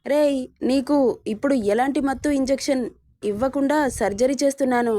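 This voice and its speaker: In a read-aloud story, a woman voices a vengeful young man, the hero, who coldly taunts and threatens his captive with menace. Her high-pitched voice is warm and lightly acted at a moderate pace. The sound is clean studio quality with no room sound.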